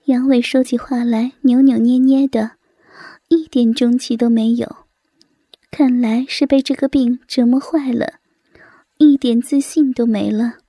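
A woman narrating a story in a soft, breathy whisper. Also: a little high, steady tone, measured pace, no echo.

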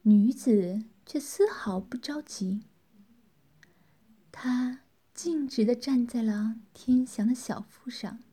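A woman narrates a story in a hushed whisper. Her pace is slow, her voice is airy and breathy, and the tone is dark and mellow. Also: fairly high pitch.

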